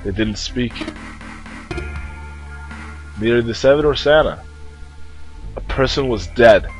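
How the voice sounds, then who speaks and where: A man's voice: mid-range voice, takes it slowly, highs cut off, faint music behind. A young man playing through a video game, reading its text aloud with crude joking asides. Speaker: let's player.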